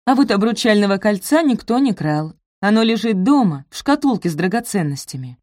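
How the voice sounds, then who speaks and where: A woman's voice: medium pitch, very animated, brisk, a little mellow, no echo, studio quality, voice pushed up, natural voice. A woman voicing a plump, theatrical young woman who exclaims her lines with dramatic fervor. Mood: insistent.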